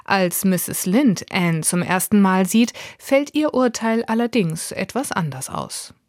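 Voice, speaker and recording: A woman presenting a scripted audiobook review in a lively, clear way. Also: mid-range voice, measured pace, no room sound, studio quality. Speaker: book reviewer.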